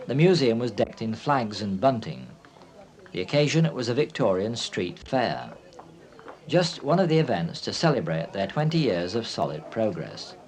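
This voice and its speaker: A man reading scripted documentary narration in a measured, informative way. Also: mid-range voice, darkish tone. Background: music.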